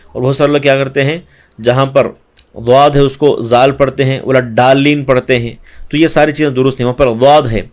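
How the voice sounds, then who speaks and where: Man teaching Quran recitation in Urdu. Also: mid-range voice. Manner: explains pronunciation mistakes, then recites verses slowly and drawn out. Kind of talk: tajweed lesson with recitation.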